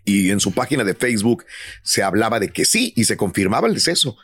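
Male radio host, lively gossip storyteller, close dry mic. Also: fairly low pitch, brisk, breathy edge, dry recording, faint music behind. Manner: lively storytelling with many fillers. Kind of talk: casual morning-show banter.

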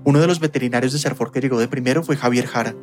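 Fast-talking male podcast narrator. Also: mid-range voice. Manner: measured, storytelling delivery. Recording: faint music bed.

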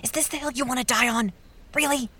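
A woman's voice: high-pitched, fast talker, sharp tone, slightly rough, heavily acted. An actress playing a blunt, foul-mouthed young woman who leads the group with impatient exasperation. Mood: ranting. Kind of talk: audio drama acting.

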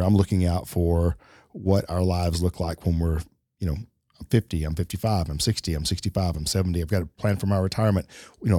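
A man's voice: sits low, dark tone, no room sound, clean studio sound. A middle-aged man talking reflectively in a casual podcast conversation, with many fillers and restarts. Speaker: podcast co-host.

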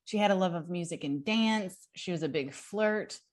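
A young adult woman, a podcast co-host, excitedly recounting history from notes in a casual chat, prone to giggles. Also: fairly low pitch, moderate pace.

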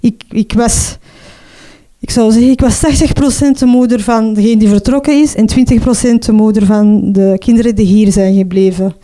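A middle-aged Flemish woman giving a personal testimony in an earnest, halting way, often ending with a questioning tag. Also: a little high, steady tone, warm tone. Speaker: mother telling her story.

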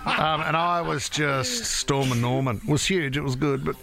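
A man's voice: fairly high pitch, moderate pace, creaky, over a noisy crowd. An Australian man hosting radio banter in a blokey, matey, tradesman-like way, full of slang and mock outrage. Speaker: radio host.

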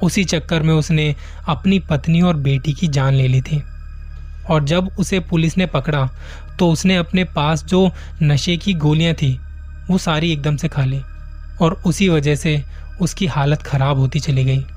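Man, horror story narrator, suspenseful measured telling, slightly high pitch, soft background music. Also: fairly even intonation. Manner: slow, suspenseful retelling in first person.

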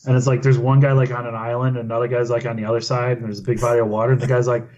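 A man's voice: medium pitch, little pitch movement, racing, lo-fi sound. A man co-hosting a gaming podcast, cutting in with a joke in casual chat. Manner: interjecting with a loud acted-out joke. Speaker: podcast co-host.

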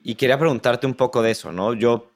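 A man, a podcast host asking questions in an unhurried, hesitant way. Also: medium pitch. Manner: hesitant, thinking aloud. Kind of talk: interview questions.

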